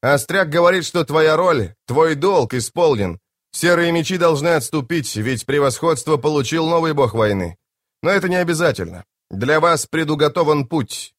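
An earnest soldier captain, as a man reading an audiobook plays him. He declaims formally with lively swings of pitch. The recording is dry. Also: normal speed, no echo. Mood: declaring. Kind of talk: audiobook character voice.

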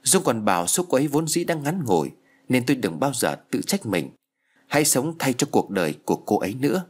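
A man narrating a horror story in an expressive, dramatic storytelling style. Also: mid-range voice, brisk, husky. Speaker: audiobook narrator.

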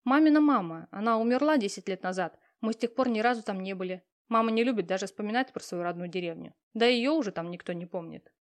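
A woman's voice: medium pitch, fast talker, hardly any pauses, natural voice. A woman reading a flustered young student. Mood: anxious. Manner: hesitant, anxious. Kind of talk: audiobook character reading.

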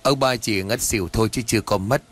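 A man voicing a middle-aged village head who calmly reassures a crowd and sends them home. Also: fairly low pitch, fast, close to an everyday voice. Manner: calm, reassuring announcements.

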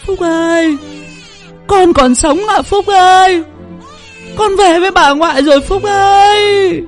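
A man voicing a crazed, grieving old grandmother clutching a knife, shrill and wailing. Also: very animated, unhurried, creaky, faint music behind, full character voice. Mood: sobbing.

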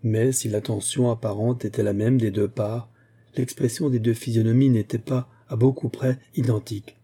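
A male audiobook reader tells a classic novel in measured, even prose. His voice is very dark and mellow, with a husky grain. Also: mid-range voice. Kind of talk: scripted narration of a classic novel.

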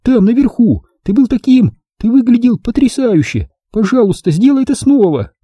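A man voicing an eager young girl who pleads and cheers in a high, excited voice. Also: brisk, breathy edge, no echo, heavily acted.

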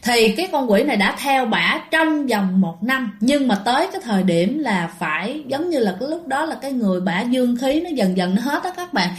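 A woman with a Southern Vietnamese accent telling ghost stories to listeners in a lively, animated way. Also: a little high, brisk, few pauses. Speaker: ghost story narrator. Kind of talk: storytelling to listeners. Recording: echoey room.

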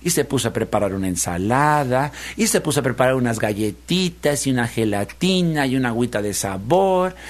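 A man, a radio host telling a children's story in a lively, repetitive rhythm. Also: medium pitch, fairly quick, few pauses. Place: radio studio.

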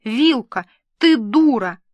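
A woman voicing an excitable, scatterbrained female friend who talks in a whiny, theatrical way. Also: sits high, takes it slowly, no room sound, pitched above the performer's own voice. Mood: exasperated.

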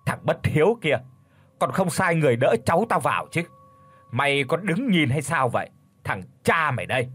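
A man voicing the ghost of an old grandfather, speaking through a boy in a gruff, booming, commanding voice. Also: expressive, moderate pace, natural voice. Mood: scolding. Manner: commanding, scolding.

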